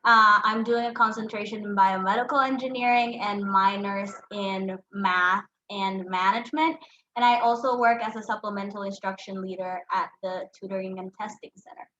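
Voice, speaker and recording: Young female student, crisp bright voice, echoey room, lo-fi audio with faint noise. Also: medium pitch, steady tone, normal speed. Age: early 20s. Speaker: engineering student panelist.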